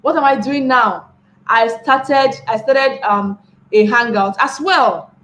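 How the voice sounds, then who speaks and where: In an echoey room with faint background noise, a young Nigerian woman gives a slow motivational webinar talk to an online class. Her voice is on the high side and a bit bright, and she repeats key phrases while asking "right?" to check in.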